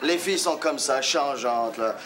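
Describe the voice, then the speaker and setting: An actor playing a nervous, deluded, boastful nerd in a television sitcom, stammering and repeating himself with a Quebec French accent. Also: male voice, medium pitch, unhurried, natural voice. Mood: smug. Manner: stammering, jittery, repeats words. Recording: loud audience laughter, noisy studio.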